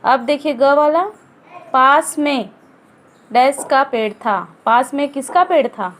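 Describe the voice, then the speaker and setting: A woman teaching a first-grade class, speaking slowly and patiently, asking questions and answering them herself. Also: sits high, a bit bright, a little hiss or hum. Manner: slow, patient, asks and answers her own questions. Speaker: primary school teacher. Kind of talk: online class lesson.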